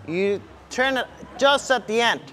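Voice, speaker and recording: Extremely high in pitch, this young man's voice is sharp, with lively intonation and a measured pace. He coaches kickboxing in a large indoor MMA gym, offering short step-by-step cues while demonstrating punches against clearly audible background ambience.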